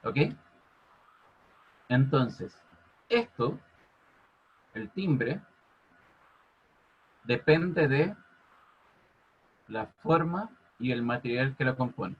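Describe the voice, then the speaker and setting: A man teaching a physics class over a video call, constantly checking in with his students by asking if it's clear. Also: medium pitch, animated, drawn-out words, pauses often. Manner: checks in with "ok?" after nearly every phrase. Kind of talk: online class explanation. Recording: muffled lo-fi audio.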